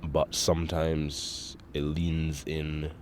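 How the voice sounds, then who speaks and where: A young man hosts a solo podcast in an extremely low, rumbling voice. His nose is congested, which gives him a nasal tone. He rambles casually, swears freely and pokes fun at himself, with faint noise in the background. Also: completely flat delivery, drawn-out words, darkish tone. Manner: rambling, swears often, self-deprecating.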